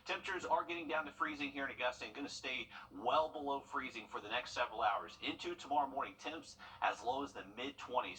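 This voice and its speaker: A man's voice: medium pitch, sharp tone, distant mic, a little hiss or hum, poor audio. A man giving a live, ad-libbed weather report as a television forecaster.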